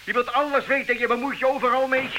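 A short-tempered nobleman in a vintage radio drama. He talks quickly in a high, bright, lively voice, with stammering sarcasm. A light hiss sits behind him. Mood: indignant. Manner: snappish and sarcastic, stammering when angry. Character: irritable, sarcastic husband, a nobleman. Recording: hissy old radio recording.

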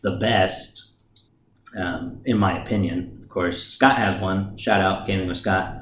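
A podcast co-host in casual chat, talking loud and cursing freely after a few beers. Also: deep voice, steady tone, a little slow, roomy sound, slight background noise. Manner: loud, swearing, bouncy delivery.

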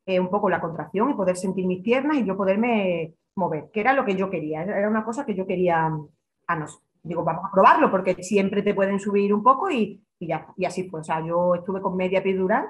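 A woman's voice: mid-range voice, a little fast. A young adult woman from Extremadura, a podcast guest who tells her story in a casual interview and acts out her own past words. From Extremadura, Spain.

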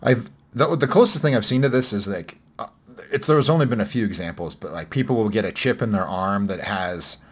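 A man's voice: on the low side, animated, fairly quick. A man hosting a casual podcast discussion, talking in a rambling, self-correcting, wry way. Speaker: podcast host.

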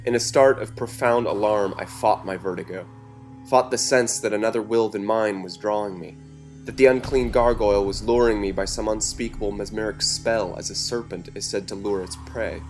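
A man giving a measured, dramatic scripted narration of a story. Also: lowish voice, steady tone. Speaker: story reader. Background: soft music.

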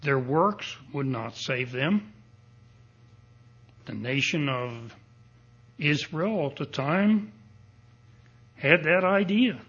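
A male pastor preaching a sermon at a pulpit microphone, speaking in a deliberate, emphatic way and building up to strong declarations. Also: on the high side, expressive, a bit bright, slightly rough, highs cut off. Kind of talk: expository sermon. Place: church sanctuary.

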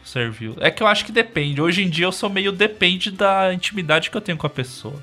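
Male co-host, casual chat. Fairly high, lively voice; jumps in with quick reactions. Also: soft background music. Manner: expressive, quick to react and interject. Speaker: podcast co-host.

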